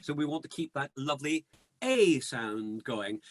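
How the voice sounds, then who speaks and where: A man, slightly croaky, leading a choir rehearsal, chatting, joking and singing short phrases to show how. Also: mid-range voice, lively intonation, measured pace. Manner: chatty, encouraging, joking asides, sings demonstration phrases. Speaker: choir director. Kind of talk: online choir rehearsal coaching. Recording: piano music loud behind voice. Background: piano.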